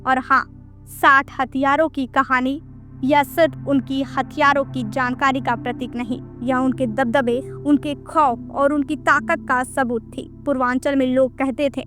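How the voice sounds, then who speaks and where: A woman's voice: sits high, a bit bright. A woman reading a scripted, dramatic narration in the manner of a storyteller.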